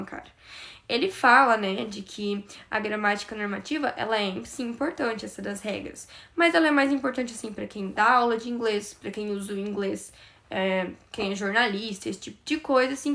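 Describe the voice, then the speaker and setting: A young woman from Brazil talks through her study notes in a casual, enthusiastic vlog. Her voice sits a little high with a gravelly, creaky edge, and she keeps the talk loose and chatty. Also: fairly bright tone. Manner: chatty, enthusiastic, many fillers. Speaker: vlogger and English teacher.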